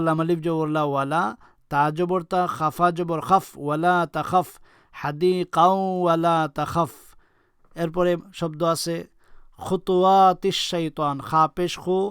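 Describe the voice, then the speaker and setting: Guy slowly sounding out letters for a lesson, slightly high voice, super clear and dry. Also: dry recording. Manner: slow, drawn-out recitation of syllables, then blends them into words. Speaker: Quran reading teacher. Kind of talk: spelling out letters and vowel marks in a lesson.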